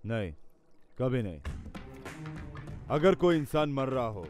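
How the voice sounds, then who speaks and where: A man's voice: medium pitch, sing-song, slow pace, darkish tone, faint music behind. A man acting in a dubbed film as a vengeful, self-assured mimicry artist who taunts and speaks bitterly of love. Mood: smug menace. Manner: menacing, self-assured, theatrical monologue.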